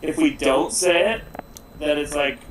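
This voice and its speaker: A man's voice: on the high side, steady tone, a little slow, reverberant, slight background noise, low-quality recording. A man co-hosting a live drawing stream, chatting casually and hesitating often with fillers. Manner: hesitant, lots of ums and uhs. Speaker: comic artist co-host. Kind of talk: casual chat on a livestream.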